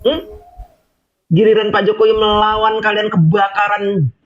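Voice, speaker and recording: A man's voice: high voice, fairly even intonation, normal speed. A man ranting to camera as an online commentator, scolding with sarcastic rhetorical questions. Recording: dull lo-fi audio.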